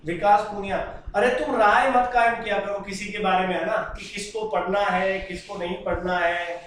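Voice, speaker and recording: A man's voice: high voice, steady tone, normal speed, a bit bright, recorded from a distance, slight background noise. A man teaching a live online class, answering students' comments in a chatty, fatherly way. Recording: very echoey room, voice from away from the mic.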